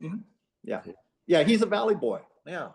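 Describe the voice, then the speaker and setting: Animated storytelling man. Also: moderate pace, creaky. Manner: animated, acts out others in a higher voice. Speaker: former pro baseball player, guest. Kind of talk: casual storytelling.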